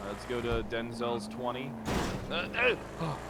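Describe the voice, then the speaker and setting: With a mid-range voice and an unhurried pace, a man stammers his way through playing a police officer in a roleplay game. His casual in-character chat is full of fillers and restarts, and the recording is very noisy.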